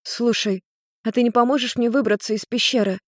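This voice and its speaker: A woman voicing a nervous, naive nineteen-year-old girl in a storybook reading, quick to grumble. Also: on the high side, fairly even intonation, no echo, clean studio sound, voice pushed up, natural voice. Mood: timid. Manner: timid, grumbling, easily startled.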